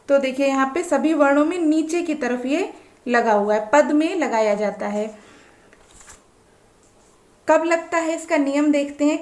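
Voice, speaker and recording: A woman's voice: high voice, darkish tone, echoey room. A woman teaching a grammar lesson, explaining patiently and asking the learner questions as she goes.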